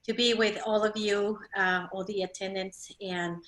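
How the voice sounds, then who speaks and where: A woman from Mexico, a winery co-owner on a virtual panel, speaking with warm, halting phrasing. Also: medium pitch, steady tone, low-quality recording.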